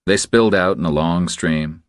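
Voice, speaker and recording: A man with an extremely deep voice narrates a thriller audiobook at a moderate pace. The scripted reading is recorded dry and close, with no room sound or echo.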